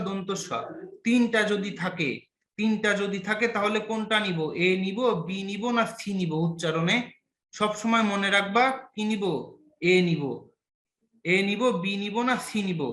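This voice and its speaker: A man's voice: high voice, fairly bright tone, roomy sound. A young man from Bangladesh, teaching an online class. He quizzes his students and praises their answers with playful teasing.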